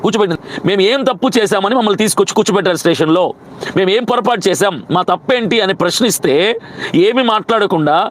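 A pastor with a Telugu accent tells his story at a breakneck pace. His voice sits high and keeps pressing forward, agitated. Faint street traffic hums behind him outdoors. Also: expressive. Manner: rapid, agitated storytelling with acted quotes. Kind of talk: recounting a personal incident.

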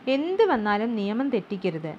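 A woman's voice: a little high, very animated, normal speed, darkish tone. A woman doing Duncan Ross, a shrewd businesslike manager. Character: shrewd smooth-talking male manager of a club. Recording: slightly dull with faint hum.

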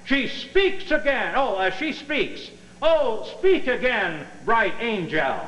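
A man's voice: very high-pitched, lively intonation, slow pace, a bit bright, heavily acted. A man, a horror host, playing a lovestruck young stage lover in hammy Shakespearean declamation. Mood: lovestruck, grand. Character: lovestruck young Romeo, grandly theatrical. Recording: echoey noisy old TV studio tape.

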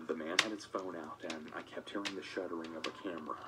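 A man reading a first-person scripted story in a matter-of-fact way, as narrator of an animated video. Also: low-pitched, quick pace, heavy background noise. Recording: music playing under the voice.

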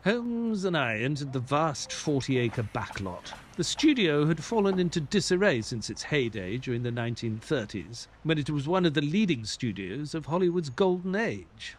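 In an audio drama, an actor plays an earnest male ex-soldier doctor who is easily baffled, both narrating and speaking in scenes. His fairly high voice is very animated, at normal speed with hardly any pauses, and comes across earnest, hesitant and puzzled. Music plays behind him, with a little hiss or hum.

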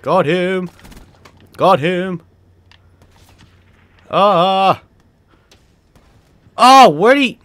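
This gaming video creator, a young Boston-accented man, speaks in a high voice, very slowly and with long pauses. His casual gameplay commentary is excitable, full of cursing and laughter, and he yelps when surprised.

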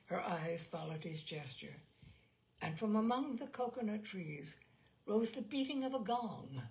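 With a mid-range voice, a woman narrates literary fiction like a storyteller, her audiobook delivery measured and expressive.

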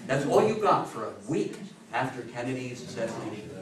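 A man in his seventies gives an informal history talk to a seated audience in a meeting room, animatedly telling anecdotes, repeating phrases for emphasis and taking questions. His mid-range voice is very animated and a little fast. A distant camera mic picks up roomy echo and a crowd in the background.

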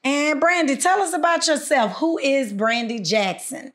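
Higher-voiced woman co-hosting a podcast. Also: measured pace, fairly bright tone. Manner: upbeat, encouraging. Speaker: podcast co-host. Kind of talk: casual interview. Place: small studio room, seated.

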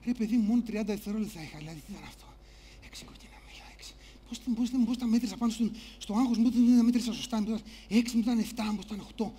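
A flustered, bewildered contestant, played by a male speaker, tripping over his words and repeating himself. He talks low and under his breath, as if arguing with himself, and sinks to a near whisper. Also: mellow, slight background noise, close to an everyday voice. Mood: doubting, hushed. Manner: hesitant, stammering, muttering to himself. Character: anxious bewildered man, a game show contestant.

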